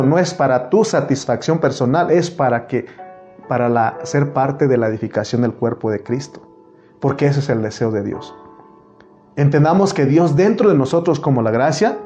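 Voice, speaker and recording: A man's voice: a little high, mellow. A man from Mexico preaching a sermon, earnest and personal, raising his voice when he quotes others. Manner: earnest, personal anecdotes, rising voice for quoted speech. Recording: muffled recording with faint instrument music.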